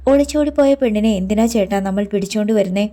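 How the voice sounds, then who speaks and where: Coy thirty-year-old village maid, voiced by a woman reader: teasing, mock-sulky, mellow and slightly lifted. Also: medium pitch, fast talker, close to an everyday voice. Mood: coaxing. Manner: coaxing, mock-sulky questions.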